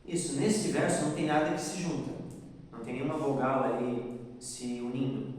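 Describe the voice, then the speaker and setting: A man's voice: medium pitch, steady tone, normal speed, darkish tone. A man teaching a class on poetic meter, patiently checking that students follow. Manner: patient, checks understanding often. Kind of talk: classroom lecture on poetry. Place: bar or venue room. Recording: echoey room, voice from a distance.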